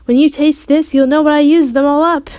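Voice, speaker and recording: A woman's voice: high voice, fairly even intonation, brisk, warm tone, no echo, voice pushed up, close to an everyday voice. A woman voicing a cheerful, bumbling middle-aged father who talks heartily. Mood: hearty.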